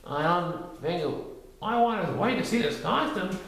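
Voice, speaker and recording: A man's voice: sits high, lively intonation, unhurried, a bit bright, voice pushed up, full character voice. A man voicing a fussy, fretful rabbit with a dramatic manner for a children's storybook. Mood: fearful. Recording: very echoey, reverberant room.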